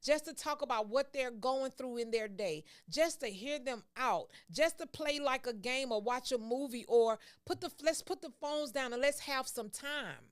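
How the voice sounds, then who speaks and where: A woman's voice: high-pitched, normal speed, hardly any pauses. A woman co-hosting a casual faith talk show, speaking in an earnest, teaching tone. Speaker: co-host.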